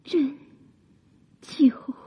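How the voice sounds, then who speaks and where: In an audio drama, a woman plays a young imperial consort who has been wronged, proud, defiant and bitter. Her dark-toned delivery is breathy, drawn-out and tragic, with a shocked, bitter mood.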